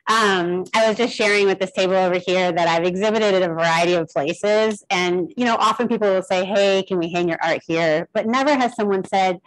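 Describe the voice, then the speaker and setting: A woman's voice: mid-range voice, low-quality recording. Chatty woman giving a rambling gallery talk. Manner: chatty and rambling, with many fillers. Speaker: guest artist giving a talk. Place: gallery event in front of an audience.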